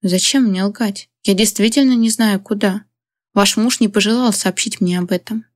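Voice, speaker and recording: A cold-blooded henchman read by a woman answers calmly and evenly, never hurrying. The pitch stays in the middle. The recording is dry and close. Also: no echo, close to an everyday voice. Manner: calm, even, unhurried. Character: man, calm cold-blooded henchman on the phone.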